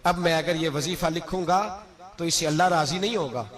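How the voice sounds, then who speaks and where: A man's voice: fairly high pitch, fairly even intonation, a little fast, a bit bright. A man preaching a sermon, retelling a story with emotional, rising exclamations.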